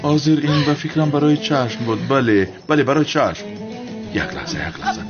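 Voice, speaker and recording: A man's voice: mid-range voice, natural voice. A man voicing a flustered helper in a dubbed TV drama, coaxing and fussing. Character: flustered man fussing over a fainted girl. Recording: dull dubbed TV audio with loud music.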